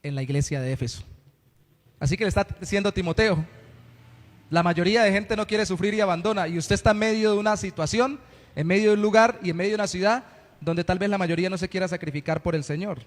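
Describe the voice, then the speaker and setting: Man pastor, high voice, church reverb; earnest sermon with playful asides. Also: fast. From Colombia. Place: church hall.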